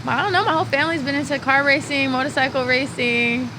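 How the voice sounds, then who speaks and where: A young woman from California, USA, talks fast in a high-pitched voice as a guest on a casual podcast interview, chatting candidly while laughing and swearing freely. Background noise can be heard.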